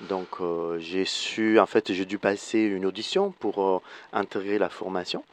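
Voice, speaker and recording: A man from Florence in his forties, a native Italian speaker with an Italian accent, talks as a guest in a radio interview. His voice sits somewhat low. He speaks thoughtfully, often restarting as he searches for the right French word. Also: expressive, moderate pace. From Italy, Florence. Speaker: guest choreographer and dancer.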